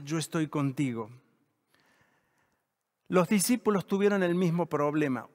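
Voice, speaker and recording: A man preaching a sermon as pastor, with sudden loud peaks and hushed drops. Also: high voice, in a large hall.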